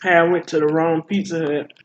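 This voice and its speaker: A man with a somewhat high voice chats casually at the table, pressing with playful, teasing questions. The recording is dull and lo-fi with a faint hiss behind him. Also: level tone, a little fast. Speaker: vlog co-host. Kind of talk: casual chat while eating.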